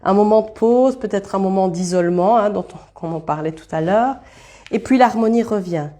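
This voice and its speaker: A woman with a mellow, warm voice gives a relaxed card reading on a live stream. She talks loosely and thinks out loud, breaking off to greet viewers by name. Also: mid-range voice, normal speed.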